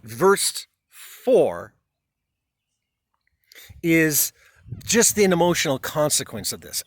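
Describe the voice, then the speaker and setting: A man's voice: on the high side, fairly bright tone, no echo, studio quality. A man giving loose, rambling spoken commentary on a philosophy text, with restarts and the odd swear word.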